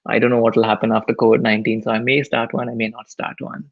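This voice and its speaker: A man's voice: mid-range voice, completely flat delivery, quick pace, creaky, dry recording, phone-quality sound. A man with an Indian accent speaking casually and candidly as a guest on a live stream, self-effacing in manner. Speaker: photographer and teacher, webinar guest.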